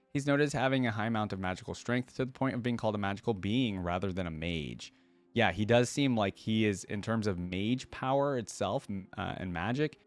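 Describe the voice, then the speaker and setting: A low-voiced man reads text aloud on his reaction video and comments on it casually, addressing viewers as "guys" and "dude," captured in a dry recording.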